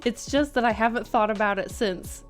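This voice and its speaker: A woman's voice: fairly high pitch, moderate pace. A woman chatting informally on a livestream and reading out viewer comments in a giggly, self-deprecating way. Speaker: art livestreamer. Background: music.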